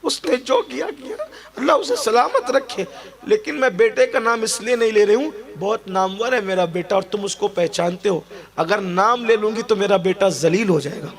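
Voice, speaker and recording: A man's voice: sits high, expressive. A man voicing an old mother who proudly defends her son in a raised, pleading voice. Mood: indignant.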